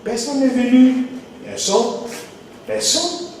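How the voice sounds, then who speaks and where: A man's voice: extremely high pitch, takes it slowly, vocal fry, a little hiss or hum. A man preaching a sermon as pastor, emphatic and given to repeated rhetorical questions. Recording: echoey hall, voice far from mic.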